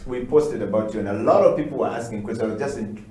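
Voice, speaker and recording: A man's voice: medium pitch, fast talker, dark tone. A man hosting an interview show as a leadership coach, asking long, rambling questions. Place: studio. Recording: echoey studio with faint noise.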